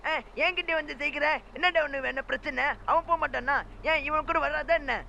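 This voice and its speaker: High, gravelly gaming commentator man. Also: brisk, muffled recording, slight background noise. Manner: excitable, mocking, full of exclamations. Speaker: gaming YouTuber. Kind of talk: comic gameplay commentary.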